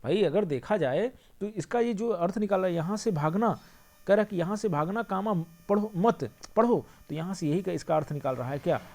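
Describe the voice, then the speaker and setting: Young man, Hindi grammar teacher, gravelly voice, rhetorical questions, slow rereading of examples. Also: sits high, a little mellow. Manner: repeats questions to the viewer and rereads examples slowly. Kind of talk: classroom explanation of figures of speech.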